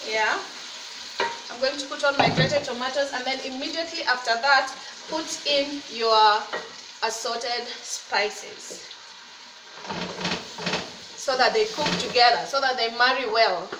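A woman's voice: high-pitched, a little slow, long pauses, noisy background. A woman in her thirties chatting casually and cheerfully while she cooks at home, encouraging her viewers as she goes. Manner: chatty, upbeat and encouraging, with faith talk. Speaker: cooking vlogger, mother. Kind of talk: casual cook-along chat. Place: home kitchen, indoors. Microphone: laptop or phone camera at desk distance. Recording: roomy, slightly distant camera mic with faint ambience.

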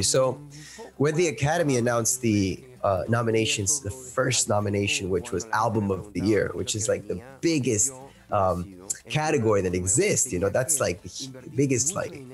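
A young man from Peru raised in Miami, a music producer answering interview questions with enthusiasm, many fillers and restarts, on a video call with a studio mic. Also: mid-range voice. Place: small plain indoor room. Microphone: headphones and studio mic on video call.

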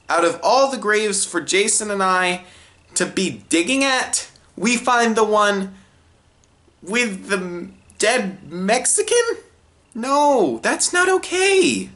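Young male storyteller, bright voice, wide pitch swings, deadpan-to-exasperated delivery. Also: slow. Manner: expressive, swings from low deadpan asides to high exasperated outbursts. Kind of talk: animated storytime narration.

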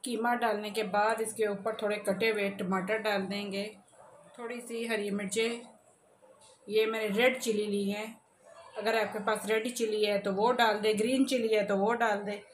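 A middle-aged woman who hosts a cooking channel walks viewers through a recipe step by step, friendly and chatty, from her home kitchen. Her voice is medium-pitched and level at a moderate pace, recorded in an echoey kitchen with faint background noise.

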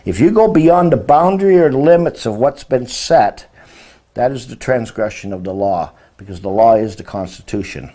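Medium in pitch and dark in tone, his voice has lively intonation and a moderate pace. The speaker, a man in his sixties, explains word meanings in an informal, emphatic religion lecture full of rhetorical questions, in a room with a presentation screen.

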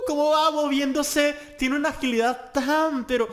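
A song plays faintly as a young man from Latin America reacts to it, exclaiming with delight and highlighting the singer's technique. His very high voice keeps a fairly even intonation at normal speed.

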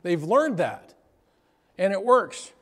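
A man's voice: high voice, very animated, takes it slowly, fairly bright tone. A man preaching a sermon to his church, often asking the crowd "amen?" and "right?". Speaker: pastor. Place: church hall. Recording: long hall reverb.

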